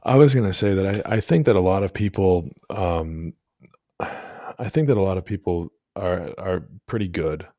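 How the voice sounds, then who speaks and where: A man hosting a relaxed livestream conversation, speaking in a very low voice. He rambles and restarts his sentences often, and the dry sound leaves no room echo. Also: a little slow. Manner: rambling, many restarts and fillers. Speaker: host. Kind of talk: casual livestream chat.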